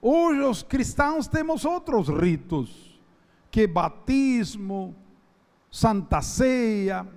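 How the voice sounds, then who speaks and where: Guy preaching slow and emphatic, high voice swinging all over, big echoey church hall. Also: big pitch swings, vocal fry, darkish tone. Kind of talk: sermon with Bible reading.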